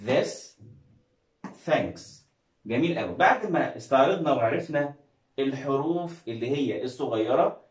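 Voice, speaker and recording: Recorded poorly in an echoey room, a man with a fairly high voice and an Egyptian Arabic accent teaches English reading. In this classroom-style video, he encourages viewers through questions and praise.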